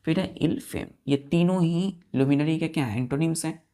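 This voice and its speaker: Low, gravelly-voiced woman teaching vocabulary. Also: brisk, mellow. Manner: spells words letter by letter and counts them aloud; asks the class repeated questions. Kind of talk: vocabulary lesson for students.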